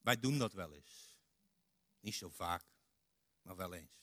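A man preaching a lively sermon in a church. His voice is bright and forward, and the sound is close and dry with no room echo. He acts out quotes dramatically, swinging from loud to hushed. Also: low-pitched, slow pace.

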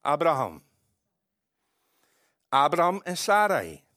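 A man's voice: fairly high pitch, huge pitch swings, takes it slowly, pushed and bright, dry recording, clean studio sound. A man preaching, reading from the Bible and adding wry, conversational asides. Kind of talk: Bible reading with sermon commentary.

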